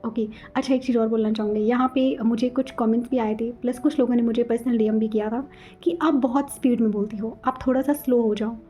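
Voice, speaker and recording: A young woman hosting a spiritual channel, talking rapidly and casually to her viewers, mixing in English words and saying "okay" often. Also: fairly high pitch, fairly even intonation, mellow, highs cut off, soft background music. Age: young adult. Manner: rapid, flowing Hindi-English mix, frequent "okay" and "theek hai".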